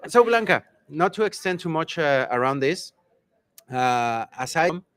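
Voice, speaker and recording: A man's voice: fairly high pitch, expressive, unhurried, fairly bright tone. A man interviewing a guest at a conference in a casual, upbeat, promotional way.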